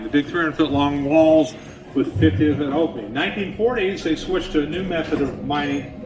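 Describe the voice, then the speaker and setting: A man guiding visitors through an underground mine, his voice played over the tour train's loudspeakers, explaining plainly and patiently with a few filler words. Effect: voice played over a train car's loudspeakers. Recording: distant, noisy speaker sound with vehicle rumble.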